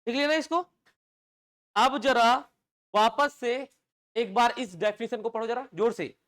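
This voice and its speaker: A man's voice: very high-pitched, a little slow, fairly bright tone. A male teacher with a Chhattisgarh Hindi accent gives a live online English class. He drills pronunciation and keeps asking the students to answer him and repeat after him.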